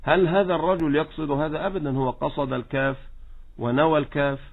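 A man with an Egyptian accent teaching Quran recitation in a radio lesson, slowly demonstrating each example. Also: a little high, fairly even intonation. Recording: tinny phone-like radio line.

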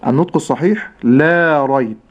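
A man teaching Quran recitation step by step, slowly drawing out each model pronunciation with patience. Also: on the high side. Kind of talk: step-by-step tajweed instruction. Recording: dull lo-fi broadcast sound.

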